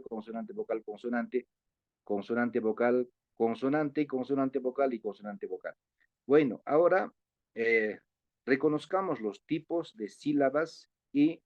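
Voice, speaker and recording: A man's voice: medium pitch, dry recording. A man teaching an online class, patiently spelling out syllables with many filler sounds. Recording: dull, lo-fi online class audio.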